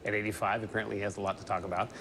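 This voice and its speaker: Fast-talking male TV correspondent. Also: fairly low pitch, little pitch movement, fairly bright tone, a little hiss or hum. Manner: brisk, enthusiastic. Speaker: network correspondent. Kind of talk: remote interview segment.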